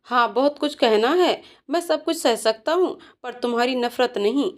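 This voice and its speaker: A woman's voice: fairly high pitch, normal speed, close to an everyday voice. A woman voicing an angry young husband who is also a protective uncle, speaking in stern, clipped lines.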